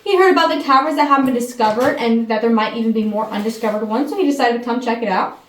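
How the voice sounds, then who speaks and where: A woman's voice: on the high side, fast talker. A woman giving a memorized guided tour talk, her voice echoing inside a cave. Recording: echoey cave, distant mic, faint noise.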